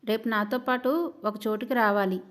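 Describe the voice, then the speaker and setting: A cool, sarcastic young husband with a slightly high voice, mocking his bride in an even, unhurried tone, as a woman reads him in her own voice. It is a storybook-style audio serial. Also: lightly acted. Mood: teasing.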